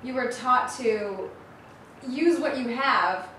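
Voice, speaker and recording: A woman's voice: a little high, slow pace, sharp tone, recorded from a distance. A woman hosting a casual interview, reflecting on and summing up her guest's points in a supportive way. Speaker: interviewer, magazine host. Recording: echoey room, voice from off-mic, noisy background.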